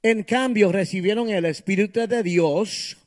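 A man preaching and praying live in short, emphatic phrases, pausing for an interpreter and checking in with listeners. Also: sits high. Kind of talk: live bilingual sermon and prayer, pausing for an interpreter.

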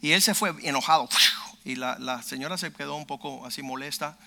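A man's voice: mid-range voice, fairly quick, vocal fry, bright, forceful tone. A man preaching a sermon, telling a testimony with fervent emphasis and acting out what people said. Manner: fervent, emphatic storyteller who acts out quotes.

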